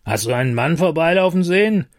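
A man voicing a burly male city guard who questions people with gruff suspicion. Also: a little high, lively intonation, fairly quick, voice pushed up, lightly acted. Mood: suspicious.

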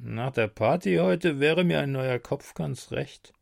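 A man's voice: mid-range voice, slow, gravelly, full character voice. A man voicing a hungover, drunken male angel who mumbles and slurs his words. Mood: drowsy. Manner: slurred, mumbling, hiccupping.

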